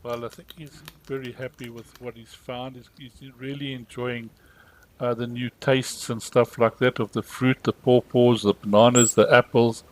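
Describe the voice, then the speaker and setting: A man calmly narrating an animal sanctuary video in a gentle, explaining way with frequent ums. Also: mid-range voice, moderate pace, a little hiss or hum, low-quality recording. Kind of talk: voice-over narration of a wildlife rescue video.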